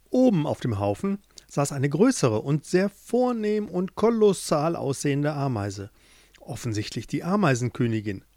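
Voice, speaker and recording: Male storyteller, lively singsong delivery, dry close sound. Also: fairly high pitch, no room sound. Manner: expressive storytelling. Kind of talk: fairy-tale narration.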